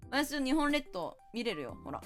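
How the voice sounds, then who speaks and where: A woman streamer chatting casually while playing a party game, playful and teasing with mock-indignant outbursts. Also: sits high.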